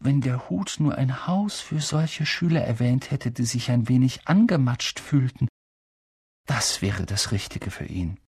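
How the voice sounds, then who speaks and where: Brief: male audiobook narrator, unhurried, close dry studio sound. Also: mid-range voice, slightly rough, no room sound. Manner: calm, measured storytelling. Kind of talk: audiobook reading.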